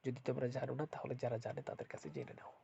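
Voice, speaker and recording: Here a fast-talking man with a stuffy, cold-blocked nose delivers an informal religious talk to viewers as a spiritual healer, mixing in Quran recitation, repeated phrases and rhetorical questions. His medium-pitched voice is gravelly and dark, with fairly even intonation. The lo-fi recording is dull and carries a little hiss or hum.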